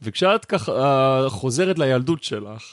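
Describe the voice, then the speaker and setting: A man playing a chatty, griping taxi driver in comic banter, conversational and halting as he repeats himself. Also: medium pitch, expressive, no echo, studio quality, close to an everyday voice. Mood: admiring, reflective. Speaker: taxi driver character in comedic chat. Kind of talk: improvised comic character banter.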